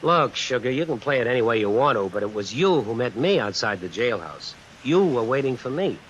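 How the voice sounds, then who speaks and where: Here the same sort of jailbird drifter, brash and suspicious, is voiced by a man in a mid-range register, fairly quick and only lightly acted. He sounds irritated and sardonic, slangy and hard-boiled, narrating in first person for an old-time radio suspense piece. Lo-fi vintage hiss and a steady layer of added rain sit over it.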